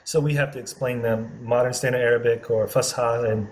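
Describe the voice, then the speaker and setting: Friendly male interviewer, mid-pitched, laughs often, slight background hiss. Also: steady tone, a little fast, a little mellow. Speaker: interview host, translation company president. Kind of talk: casual interview.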